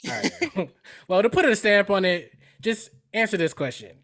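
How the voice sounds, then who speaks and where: A man's voice: high voice, lively intonation, moderate pace, fairly bright tone, no echo, studio quality. A man co-hosting a casual podcast chat, easygoing and hedging with lots of fillers. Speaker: podcast co-host.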